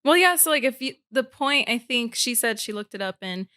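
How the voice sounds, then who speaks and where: Young woman, bright sharp tone, high voice, giggly casual storytelling. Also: expressive, fairly quick. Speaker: podcast co-host. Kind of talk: casual chat.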